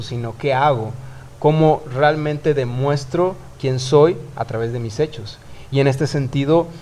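A man's voice: medium pitch, a little mellow. A man with a Mexican accent talking about faith on a podcast in an earnest, reflective way, often restarting his sentences. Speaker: youth worker. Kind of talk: casual podcast conversation.

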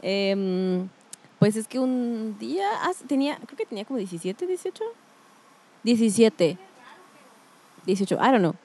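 A woman's voice: mid-range voice, expressive, a little slow, pauses often, warm tone. A woman, chatting casually, giggling and rambling as she recalls a story, with bits of English mixed in. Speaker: podcast co-host. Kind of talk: casual chat.

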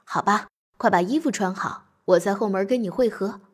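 Woman playing a nervous little boy in a storybook, hushed, a bit lower, breathy. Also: normal speed, lightly acted. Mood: worried. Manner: anxious, hushed. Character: cautious worried young boy.

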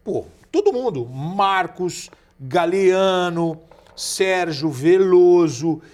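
Man in his forties, casual storyteller, slightly high voice, acts out quotes. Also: expressive, drawn-out words, darkish tone. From Brazil. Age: 40s. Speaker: podcast guest.

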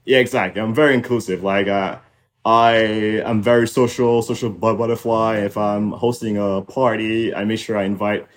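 A young man who grew up in Haiti speaks in a low, fairly deep voice. He talks reflectively, pausing on fillers and restarting his sentences, in a relaxed podcast conversation. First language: French and Haitian Creole. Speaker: podcast guest. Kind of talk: casual conversation.

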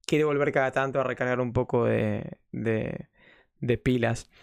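A man hosts a relaxed interview, his voice heavy with gravelly fry. He stumbles into his sentences and repeats words before he finds his question. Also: mid-range voice, a little slow. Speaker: interview host. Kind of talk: casual interview chat.

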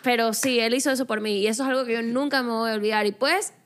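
A woman's voice: a little high, fairly even intonation, fast, heavy background noise. A woman in her twenties co-hosting a comedic podcast, telling a story that makes fun of herself in a chatty way. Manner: chatty, self-mocking storyteller. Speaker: podcast co-host. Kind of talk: casual comedic chat.

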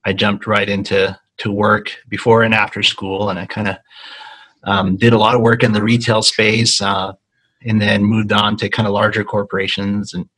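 Guest: low-pitched man, husky voice, hesitant and restarting, casual interview talk. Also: flat delivery, a bit bright, low-quality recording. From Argentina. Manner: halting, many ums and restarts. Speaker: guest, consulting company founder.

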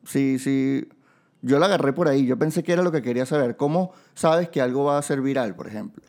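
A man's voice: medium pitch, a little fast, darkish tone. A Venezuelan man hosting a podcast, chatting casually and joking with his guest. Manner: playful, joking. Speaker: podcast host. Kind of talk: casual chat.

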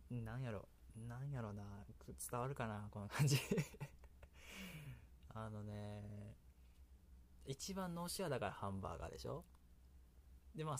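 A man's voice: mid-range voice, slight background noise. A man with a Kansai accent hosting a casual solo radio talk, rambling and often laughing at himself. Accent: Kansai Japanese. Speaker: solo radio host and creator.

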